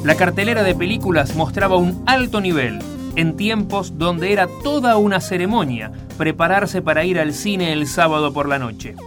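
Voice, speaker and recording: A man's voice: high-pitched, animated, moderate pace, over music. A man with an Argentine accent reading a scripted retrospective narration. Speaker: documentary narrator. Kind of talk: scripted narration of a year in review.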